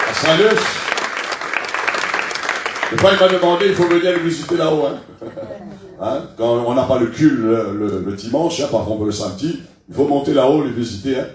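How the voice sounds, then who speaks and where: A middle-aged, medium-pitched pastor with a cold leads a church meeting, making chatty announcements to his congregation while hesitating and tossing in "hein" often. The recording is from far off in a very echoey church hall.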